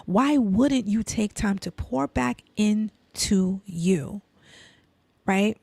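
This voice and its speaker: A woman with a Brooklyn accent giving a casual inspirational talk, asking rhetorical questions and checking in with "right?" and "you know", sometimes dropping to a soft near-whisper. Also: medium pitch, drawn-out words, vocal fry, breathy edge, no room sound. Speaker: faith and lifestyle speaker.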